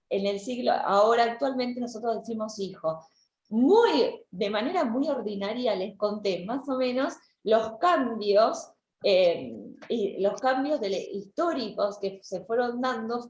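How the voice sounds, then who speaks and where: A woman's voice: a little high, a little mellow, reverberant. A woman, lecturing an online language class and explaining step by step with frequent restarts. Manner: explanatory, with many restarts and repeated words. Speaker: language teacher.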